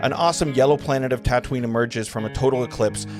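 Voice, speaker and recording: During a live table read of a film script, a man of medium pitch narrates the stage directions, occasionally halting and stumbling over the words. Music plays in the background.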